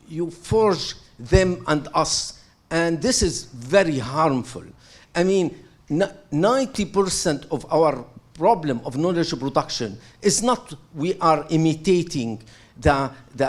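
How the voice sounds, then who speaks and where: Hesitant and earnest, a middle-aged man from Syria puts a question to the speakers from the audience, his words broken up by fillers and restarts. He speaks on the high side.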